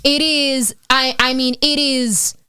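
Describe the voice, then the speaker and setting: A young woman chats on a podcast in a fairly high voice, blunt and crude, piling on comic exaggeration. The sound is dry and close, with no room around it. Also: little pitch movement, takes it slowly, bright, forceful tone, clear, resonant tone, dry recording. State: pregnant, exhausted. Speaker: podcast co-host. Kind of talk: casual chat.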